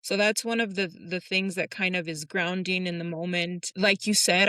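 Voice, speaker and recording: A woman's voice: on the low side, pushed and bright, no echo. A woman in her thirties, a tattoo artist guest, speaking openly and personally in a casual interview. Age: 30s. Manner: open, personal, rambling with restarts.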